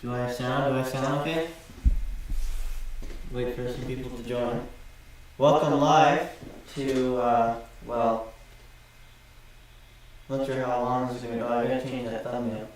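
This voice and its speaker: A man's voice: steady tone, measured pace, pauses often. A man chatting casually on a live stream from his garage, rambling and apologizing for the audio, his voice smeared by a heavy doubled echo from two microphones at once. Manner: rambling, self-correcting, apologetic about the audio. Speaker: live streamer with a repair channel. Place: home garage. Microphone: desktop USB condenser mic plus camera mic. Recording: booming echo, distant mic, faint noise.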